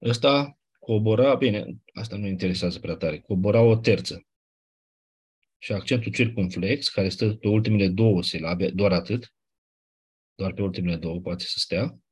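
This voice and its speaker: A man's voice: lowish voice, darkish tone, slightly rough. A man teaching a class, explaining grammar rules patiently and repeating the key points. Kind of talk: classroom lecture on Ancient Greek accents.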